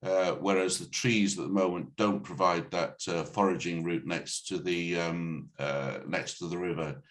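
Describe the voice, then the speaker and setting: A man speaking as a planning officer, presenting a formal report on a video call in a halting, hesitant way with repeated false starts. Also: low-pitched, steady tone, fairly bright tone. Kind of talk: formal report and answers at a meeting. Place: online video meeting.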